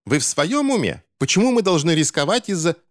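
A man's voice: on the high side, very animated, a little fast, no echo, clean studio sound, pitched above the performer's own voice. A man voicing a bossy, indignant woman who shrieks her scornful lines in an audiobook. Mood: shrill indignant. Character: shrill bald older woman, indignant and bossy.

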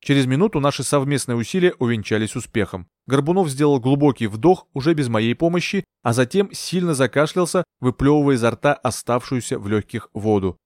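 A man narrating a first-person audiobook in a steady, measured storytelling manner. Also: medium pitch, no echo, studio quality. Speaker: audiobook reader.

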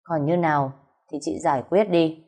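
Woman playing a calm, sharp-minded second wife; Southern Vietnamese accent, low and mellow. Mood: measured. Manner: measured, reasoning, a little sharp. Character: shrewd calm middle-aged second wife.

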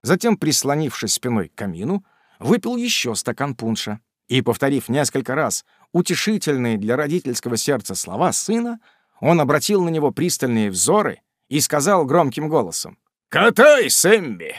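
A man narrating a classic novel in a measured storytelling manner. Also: medium pitch, big pitch swings, no room sound, clean studio sound. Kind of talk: audiobook reading of a classic novel.

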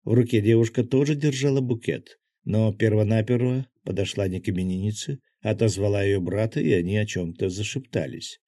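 Husky, dark-voiced male narrator. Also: fairly low pitch, steady tone, brisk, hardly any pauses, no room sound, clean studio sound. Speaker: audiobook narrator. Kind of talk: scripted narration.

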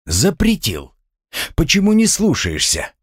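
A man voicing a calm, unflappable young man who talks with dry irony. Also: mid-range voice, normal speed, no room sound, voice pushed up. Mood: ironic.

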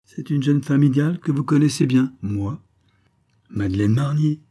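A man's voice: medium pitch, normal speed, dark tone, voice pushed up, close to an everyday voice. A man voicing a sly, jovial old notary who teases knowingly, read in an audiobook. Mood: teasing. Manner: teasing, knowing.

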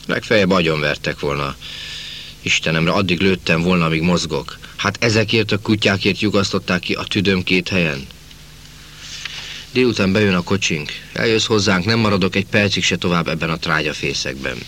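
A wounded young officer with a limp speaks bitterly and low, as a male reader gives him voice. The voice is deep with a tense, sharp edge. He sounds worn out and disgusted. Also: a little hiss or hum.

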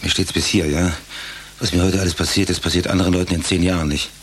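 A man's voice: deep voice, flat delivery, fast, breathy edge. An actor playing a hot-tempered, swearing man in a radio drama, coarse and irritable.

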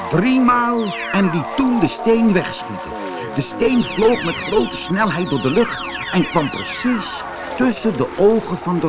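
Slow, lively man reading a storybook. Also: high voice. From Netherlands. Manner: expressive, dramatic storytelling. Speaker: narrator. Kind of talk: audiobook fairy-tale narration.

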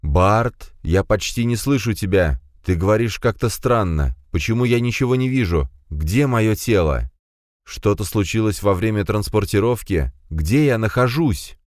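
A man reading a storybook, voicing a confused, tired male mind that speaks hoarsely through a small loudspeaker. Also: fairly low pitch, expressive, moderate pace, dry recording, clean studio sound, voice pushed up, close to an everyday voice. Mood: accusing, confused. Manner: confused, pleading, near tears.

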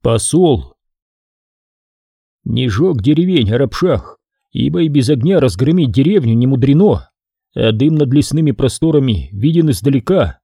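A man narrates a historical novel in a measured, dramatic reading, his voice very dark and husky. His pitch moves in lively arcs with the story. The close-miked recording is completely dry, with no room sound. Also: dry recording. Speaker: audiobook narrator. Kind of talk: scripted narration.

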